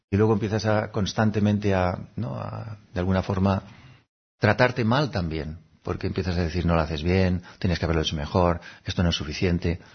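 Man, husky, lowish voice, calm reflective talk, dull lo-fi recording. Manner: gentle, unhurried, acts out little voices and laughs now and then. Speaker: speaker giving a talk on habits.

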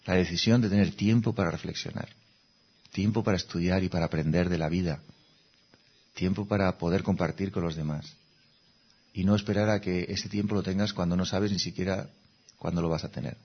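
Man, meditation teacher, calm reflective talk, low voice, dull lo-fi recording. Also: fairly quick, slightly rough. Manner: calm, conversational, checks in with listeners.

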